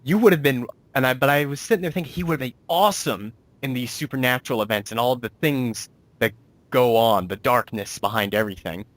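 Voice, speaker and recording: Directing an amateur audio drama, this man also conducts a casual interview, speaking briskly in a mid-range, slightly bright voice. His explanations ramble and circle back to repeat points, and the sound has no room reverberation.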